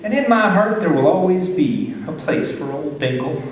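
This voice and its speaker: Performing poems for families with children, this Texan storyteller uses a folksy drawl and a playful, dramatic style. His fairly high voice has lively intonation and a moderate pace; the recording is distant and echoey, with faint noise.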